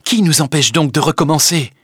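A man doing an impassioned young lover in an audiobook, pleading and pressing, a bit louder and higher than the low narration. The sound is dry and close. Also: expressive, normal speed, slightly rough, no room sound. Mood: ardent. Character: ardent, insistent young man in love. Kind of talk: audiobook reading.

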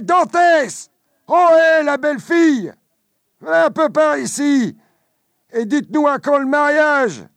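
A man voicing a drunk, loud and jovial tavern friend with a thick, slurred voice. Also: medium pitch, dry recording, pitched above the performer's own voice.

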